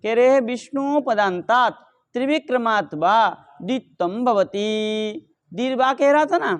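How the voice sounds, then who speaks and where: A middle-aged man teaching Sanskrit grammar, asking questions and answering them himself, reciting the rules slowly. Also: extremely high pitch, animated, clear, resonant tone. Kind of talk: explaining grammar rules in a lesson.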